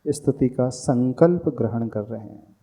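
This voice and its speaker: A man's voice: medium pitch, unhurried, vocal fry, warm tone. A man, a monk, teaching how to recite a Sanskrit hymn, patiently breaking words into syllables and chanting the lines. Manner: patient, drills pronunciation syllable by syllable. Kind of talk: slow recitation lesson with chanted verses.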